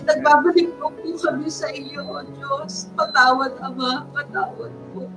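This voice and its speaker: High-voiced Filipino woman leading fervent prayer. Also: fairly even intonation, moderate pace. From Philippines. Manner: repeats "Lord God" between phrases, mixes two languages. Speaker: prayer leader. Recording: distant mic with music underneath.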